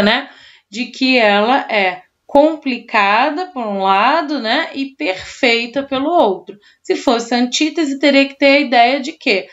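A woman's voice: a little high, fairly bright tone, muffled recording. Woman teacher, patient explainer. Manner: explains patiently, with many check-in tags. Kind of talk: recorded online class.

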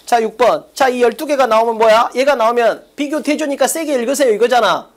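A woman lecturer teaching an online exam-prep class in a brisk, drilling manner, asking quick check-questions and dropping chatty asides. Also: fairly high pitch. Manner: casual, chatty asides with laughs.

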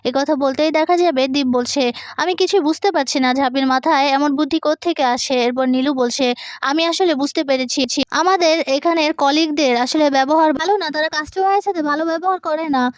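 Woman, high voice, serial plot recap, steady retelling of every character's lines, dry close sound. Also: fast talker, no room sound. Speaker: serial synopsis narrator.

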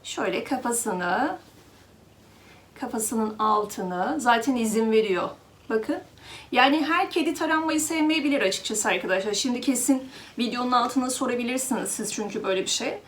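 A woman with a high voice talks casually and warmly to her viewers, addressing them as friends. She explains a product at an easy, chatty pace and now and then coos to her cat. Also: normal speed, slight background noise. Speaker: pet vlogger.

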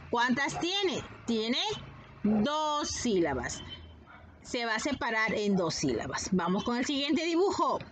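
Teacher, woman: slow, lively pitch, sounds out syllables for little kids, faint hiss behind. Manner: sounds out each syllable, warm and encouraging. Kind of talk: slow, exaggerated lesson for young children.

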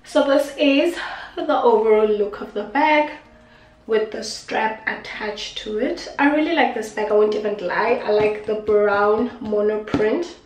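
A young South African beauty vlogger with a stuffy nose does a casual unboxing to camera, chatty and affectionate and repeating herself. She's recorded off-mic in a small, echoey indoor kitchen, her mid-range voice a little slow with faint music behind.

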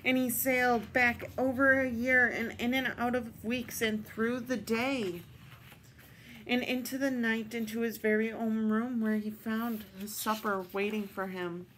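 A woman reading picture books aloud for storytime, unhurried and expressive. Her voice sits a little high, and she keeps a playful, lilting read-aloud tone. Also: a little hiss or hum. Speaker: storytime reader.

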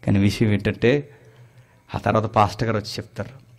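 A man preaching a storytelling sermon, acting out the people in his story and swinging from loud, emphatic peaks to quiet, low drops. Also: steady tone, a little fast. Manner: acts out voices of people in the story.

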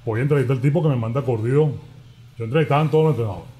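Animated Venezuelan sports commentator. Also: male voice, medium pitch, very fast. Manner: animated anecdotes, acts out quoted voices. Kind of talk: casual storytelling.

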